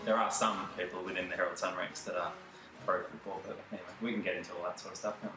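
A man's voice: low voice, level tone, fast, echoey room, music in the background, low-quality recording. A man chatting casually as a podcast guest, recorded on a computer microphone. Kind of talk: casual chat.

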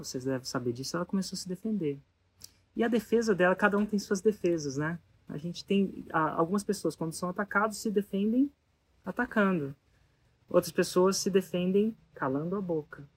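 A speaker, telling a story casually to an audience in an animated way and asking the listeners rhetorical questions. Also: medium pitch, breathy edge, no room sound.

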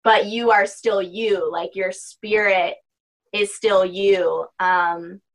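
Speaking slowly and steadily in a mid-range voice, this young spiritual practitioner rambles through a casual podcast interview, filling her talk with "like" and "you know." The recording is rough.

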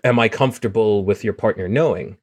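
Earnest low-voiced man from Guyana. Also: fairly quick, darkish tone. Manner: earnest and open, with frequent restarts. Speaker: podcast co-host. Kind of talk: casual podcast conversation.

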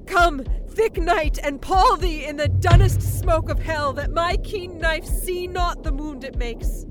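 Lady Macbeth, a woman acting a ruthless, slow-speaking noblewoman. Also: medium pitch, over music, natural voice. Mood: dark invocation. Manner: intense, deliberate, incantatory delivery. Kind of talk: dramatic Shakespearean stage-style acting.

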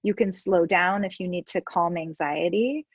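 A woman's voice: lowish voice, moderate pace, breathy edge, no echo, lo-fi sound. Chatty stuffed-up woman teaching breathing. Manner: chatty, lots of "like" fillers, explains step by step. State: stuffed-up nose. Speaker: yoga teacher guest. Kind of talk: casual instructional chat.

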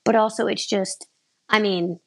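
A woman's voice: medium pitch, steady tone, measured pace, gravelly, fairly bright tone. A woman in her thirties, an aerial performer, chatting casually in an interview. She rambles and often restarts her sentences.

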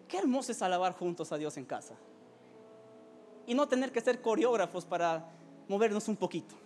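A male pastor preaches a sermon in a strikingly high voice. He is fervent, climbs into shouted exclamations and often trips over and repeats his words. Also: slight background noise.

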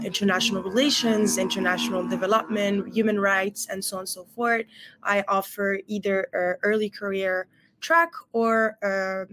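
A young woman from Morocco, guest on a podcast interview, talking earnestly as an empowerment coach with frequent pauses. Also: medium pitch. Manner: earnest, fluent, frequent "uh" fillers.

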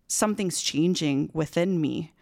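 A woman therapist interviewing a guest in a measured, supportive way. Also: low-pitched, vocal fry, darkish tone. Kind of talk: gentle interview questions.

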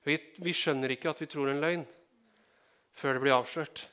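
A man from Norway preaching a sermon in a fairly high voice. He talks to the congregation in a conversational way, asks them questions and slips in light joking asides. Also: fairly even intonation, a bit bright, clear, resonant tone. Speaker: pastor.

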